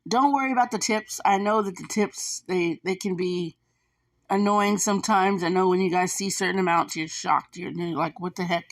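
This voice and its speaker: A woman's voice: lowish voice, moderate pace. A woman who drives for food delivery, talking casually to viewers, chatty and repetitive, with lots of fillers. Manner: chatty, repeats herself, frequent fillers. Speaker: gig delivery driver vlogger. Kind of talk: casual advice vlog to viewers.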